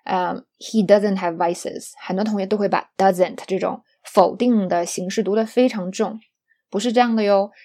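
A woman teaching an online pronunciation lesson, explaining patiently, often asking "right?", and slowing down to demonstrate English examples. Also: mid-range voice, fairly even intonation, mellow. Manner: explanatory, rhetorical tag questions; switches to slow English demonstrations.

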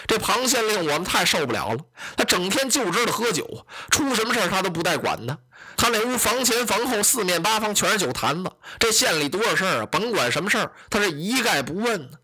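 A man's voice: high-pitched, pushed and bright, slightly rough, exaggerated voice. A man voicing fawning, gossipy minor officials who tattle eagerly, in a traditional storytelling performance.

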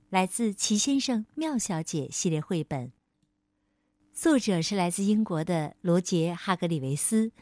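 A woman storyteller reading a picture book aloud to a child, gently addressing the listener as darling. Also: on the low side, no room sound.

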